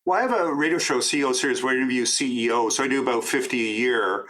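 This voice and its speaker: A middle-aged Canadian professor and author answers interview questions in a medium-pitched, fairly bright voice. He is talkative and enthusiastic, tossing in quick asides.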